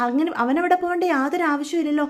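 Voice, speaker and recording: A skeptical middle-aged husband who waves away his wife's fears, voiced by a woman storyteller in her own high voice. He sounds offhand and unconvinced. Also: fast talker, lightly acted. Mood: dismissive. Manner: brushing off, skeptical.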